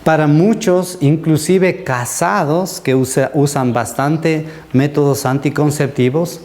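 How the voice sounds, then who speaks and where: A man's voice: on the high side, slow pace, darkish tone. Male pastor, middle-aged, conversational sermon teacher who takes questions. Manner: conversational, answers congregation questions.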